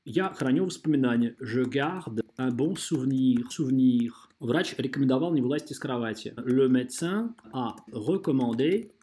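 A man with a mid-range, dark-toned voice teaches French in a voice-over on a screen recording. He explains things didactically and models pronunciation with care, drawing out example phrases syllable by syllable.

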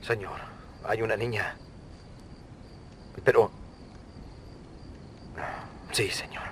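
A man's voice: fairly low pitch, fairly even intonation, extremely slow. A man voicing a curt, commanding soldier at a checkpoint in a video game dub. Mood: stern. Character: stern male soldier at a checkpoint. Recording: loud noise behind.

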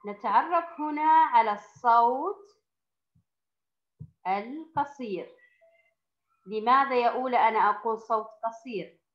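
A woman teaching first graders, who speaks slowly and patiently, stretches out the sounds she teaches and praises the class often. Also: a little high, dull audio. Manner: slow, patient, drawn-out sounds with frequent praise. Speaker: primary school teacher. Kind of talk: recorded classroom lesson for young children.

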